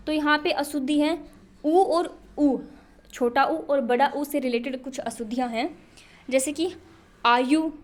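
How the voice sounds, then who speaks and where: A young woman teaching a Hindi spelling lesson for exam preparation, asking questions and answering them herself. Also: sits high. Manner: repetitive questioning, answers her own questions.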